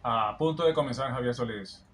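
A man's voice: mid-range voice, brisk, loud music behind the voice. Admiring male vocal coach explaining technique. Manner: admiring, explanatory, often sings snippets back. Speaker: vocal coach analyzing a singer. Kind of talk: reaction and vocal analysis commentary. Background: song playing in the background.

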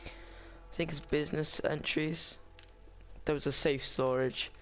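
A man talks through a game walkthrough in a loose, rambling way, stopping and restarting as he goes. His voice is smooth and clear. His pitch stays flat and even throughout. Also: unhurried. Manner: rambling, chatty, with frequent restarts. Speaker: gaming guide maker. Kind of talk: casual game walkthrough voice-over.

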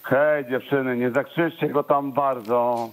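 A man's voice: medium pitch, steady tone, a little slow, poor audio. A man calling in to a studio show, pushing his question and talking over others. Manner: pushy, talks over others. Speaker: caller. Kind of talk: phone-in question.

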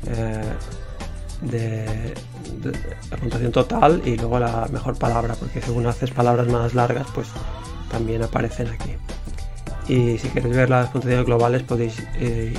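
Rambling Spanish man, music faintly behind. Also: mid-range voice. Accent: Spain Spanish. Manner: relaxed and rambling, with many fillers. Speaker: indie game developer. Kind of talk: casual talk on the history of his game.

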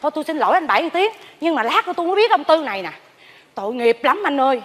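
A woman playing a nosy, pious neighbor in a stage comedy, gossiping with loud exclamations and hushed asides. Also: high voice, big pitch swings, very fast, slight background noise. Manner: gossipy, exclaims loudly, then drops to a whisper. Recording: stage hall reverb, faint audience.

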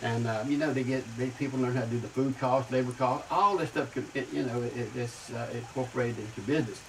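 A man's voice: medium pitch, fairly even intonation, a little fast, a bit bright. An older man with a drawl hosts a cooking show outdoors, talking folksy and casual, stumbling and repeating words. His voice sits in a middle range and is picked up from some distance, with faint outdoor noise behind him. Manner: folksy, repeats words, laughs at own jokes. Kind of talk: casual chat. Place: outdoor patio set with garden.

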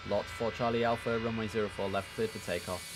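A young man wearing a headset streams an air traffic control game, chatting casually and reading radio calls in a relaxed way, repeating words for emphasis. His voice sits on the low side and moves fairly quickly.

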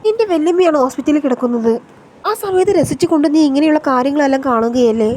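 Woman reading an accusing young wife from a soap recap, high and pointed. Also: quick pace, a little hiss or hum, lightly acted. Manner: sharp accusing retorts.

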